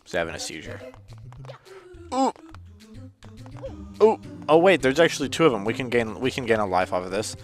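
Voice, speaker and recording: A man giving casual, rambling gameplay commentary as a let's play host, with sudden loud outbursts and hiccups. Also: lowish voice, big pitch swings, very fast, few pauses, soft background music.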